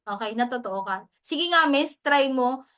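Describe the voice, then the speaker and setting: A woman's voice: high-pitched, lively intonation, measured pace, pushed and bright. A woman giving a chatty, casual lesson on hosting, often slipping English into her talk. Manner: chatty, mixes English into Tagalog, often adds "mens". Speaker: hosting mentor.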